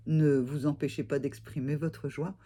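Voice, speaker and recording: A man giving a gentle, reflective tarot reading and spiritual advice, hesitating often with filler sounds. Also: on the high side, flat delivery, normal speed, husky. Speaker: tarot reader.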